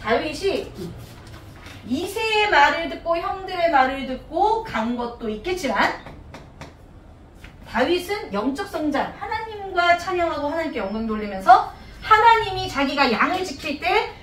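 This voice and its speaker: A woman's voice: very high voice, big pitch swings, moderate pace, a bit bright, slight background noise. A woman Sunday school teacher giving a playful, chatty Bible lesson to children in a church hall, laughing often. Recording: echoey hall, voice from a distance.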